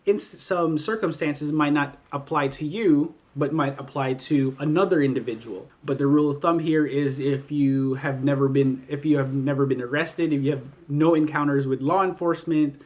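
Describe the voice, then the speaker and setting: A man in his thirties from the Philippines, an army recruiter explaining requirements point by point in a clear, methodical way. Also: on the high side. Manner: clear, methodical, list-by-list delivery. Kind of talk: informational video explainer.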